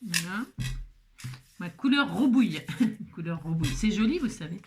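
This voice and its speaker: Soft music plays behind a woman whose fairly low, darkish voice has lively intonation at normal speed. She's hosting a casual home craft demonstration, chatting while working, frequently checking in with the viewer, and using many fillers as she thinks out loud.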